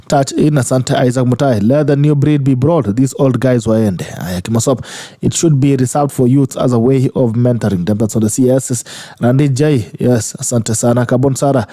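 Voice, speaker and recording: Male radio host, Kenyan accent, mid-to-lowish natural voice, soft-edged and dry, conversational presenting and reading of messages. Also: dry recording. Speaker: radio talk show host. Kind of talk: call-in show chat, reading out listener comments.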